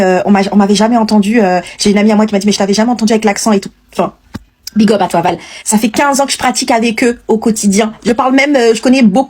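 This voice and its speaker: A woman's voice: a little high, a little mellow. A woman from Haiti with a Cameroonian French accent, talking earnestly and chattily in a casual video message, with many fillers. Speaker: social media creator.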